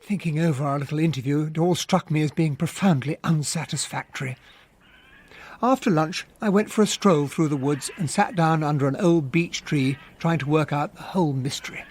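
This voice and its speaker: An actor in a radio drama playing a gallant English captain, polite, earnest and a little bumbling, with an English accent. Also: male voice, a little high, normal speed, close to an everyday voice. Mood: reflective.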